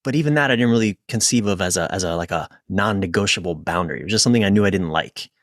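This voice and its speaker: Guesting on a podcast, this low-pitched man, a relationship coach, shares personal stories emphatically and informally, at times haltingly and with casual swearing. The studio-quality recording has no echo.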